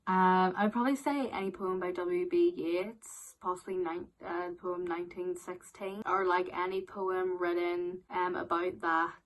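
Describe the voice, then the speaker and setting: A woman's voice: fairly low pitch, a little slow, few pauses. A young woman with a Northern Irish accent chatting casually through viewer questions, with lots of fillers. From Northern Ireland. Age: young adult. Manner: chatty, animated, frequent "like" and "um" fillers. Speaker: vlogger answering viewer questions. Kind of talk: casual Q&A chat.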